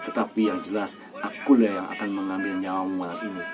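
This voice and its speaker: Man reading as a brave young warrior, calm and commanding, low voice, storybook, music behind. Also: quick pace, natural voice.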